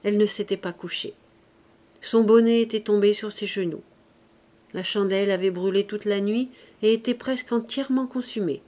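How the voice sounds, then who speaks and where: A woman reading a classic novel aloud as an audiobook narrator, in clear, even scripted narration. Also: mid-range voice, normal speed.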